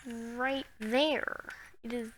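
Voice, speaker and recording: A woman giving casual gameplay commentary, halting and deliberate, narrating each step as she goes. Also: fairly high pitch, fairly even intonation, fairly bright tone, slight background noise, poor audio. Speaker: gameplay video maker.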